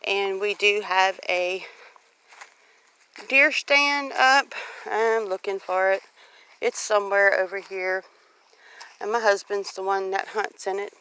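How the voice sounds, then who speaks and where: This Southern-accented homestead vlogger from Louisiana has a medium-pitched voice, pushed and bright, clear and resonant. Chatty and folksy, she explains things while walking outdoors on a rural homestead for a casual walk-and-talk vlog. A handheld phone makes for a rough recording with faint outdoor noise.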